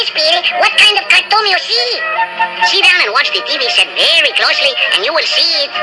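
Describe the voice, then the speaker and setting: A voice actor playing an excitable cartoon mouse, in a vintage cartoon clip. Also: female voice, rough recording. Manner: high, sing-song, rising at sentence ends. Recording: old cartoon clip over loud music.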